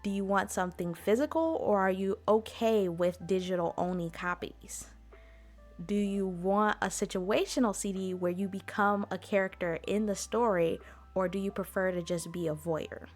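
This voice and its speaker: A convention panel host talks directly to her listeners in a chatty, informal explainer. Her mid-range voice moves at normal speed, with faint music behind.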